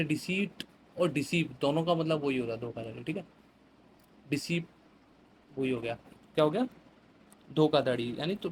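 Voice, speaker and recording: A man's voice: on the high side, low-quality recording. A man with a slightly raised voice runs through an exam vocabulary lesson in a chatty, example-filled way, reading phrases. Faint room noise sits behind him. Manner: chatty, explains with everyday examples, mixes English words into Hindi. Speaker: teacher.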